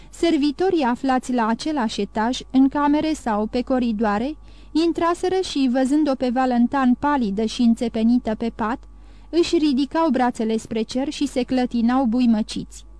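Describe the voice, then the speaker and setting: A woman narrating a classic novel as an audiobook, reading in a measured, even way. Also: high-pitched, no echo. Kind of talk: scripted narration.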